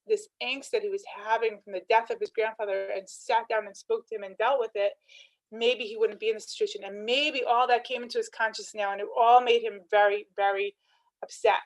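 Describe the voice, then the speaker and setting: A woman's voice: fairly high pitch, rough recording. A woman teaching a lesson on scripture, retelling scenes with quoted dialogue and rhetorical questions. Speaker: Torah teacher.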